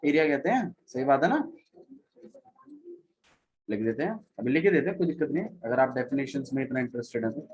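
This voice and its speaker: A man's voice: medium pitch, animated, brisk, pauses often, a little mellow, lo-fi sound, a little hiss or hum. A male maths teacher giving a classroom lecture, repeating key phrases and quizzing his students as he goes.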